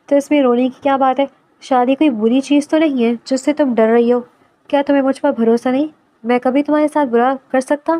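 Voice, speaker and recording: A woman's voice: sits high, steady tone, mellow, lightly acted. Woman voicing a teasing young suitor. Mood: reassuring.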